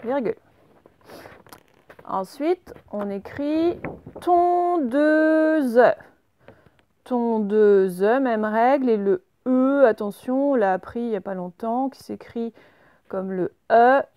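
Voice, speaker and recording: A schoolteacher woman gives a lesson at a very unhurried pace, spelling each word out letter by letter. Her voice sits a little high, and the recording is close and dry, with no room sound. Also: warm tone, clean tone, no echo. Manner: slow, spells out letters step by step. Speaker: primary school teacher. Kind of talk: remote handwriting and dictation lesson.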